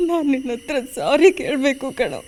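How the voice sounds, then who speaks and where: A woman's voice: high-pitched, sing-song, fairly quick, a little mellow, soft background music. An actress playing a grieving mother who tearfully begs her lost son for forgiveness, with a Kannada accent. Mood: weeping. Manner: tearful, pleading, soothing. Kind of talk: TV serial drama acting.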